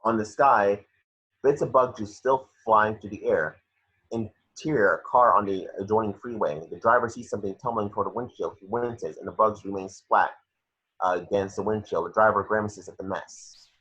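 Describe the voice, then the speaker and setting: A man serves as stage direction narrator for an amateur table read, reading scripted action in a lowish, slightly bright voice with a breathy edge at normal speed. It's captured as a dull, lo-fi home recording.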